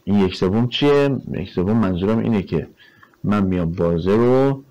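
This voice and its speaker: A man gives a recorded math lecture in a fairly low voice. He talks in a relaxed, conversational way, working through the problem step by step and answering his own rhetorical questions with frequent fillers. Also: dull audio. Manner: explains step by step while drawing on a board. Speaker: math teacher.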